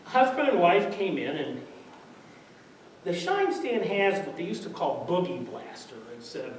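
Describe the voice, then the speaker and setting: A man telling a comic story on stage, lively and laughing through his punchlines, recorded from far off in a large room. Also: high voice, measured pace. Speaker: comedian. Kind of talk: stand-up storytelling. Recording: echoey hall from far off, noisy.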